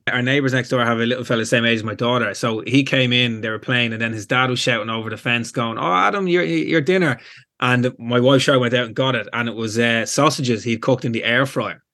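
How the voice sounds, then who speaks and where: A man's voice: medium pitch, fast, few pauses, sharp tone. A man in his forties with an Irish accent, a guest chatting casually in a rambling way, full of fillers. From Ireland. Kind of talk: casual chat.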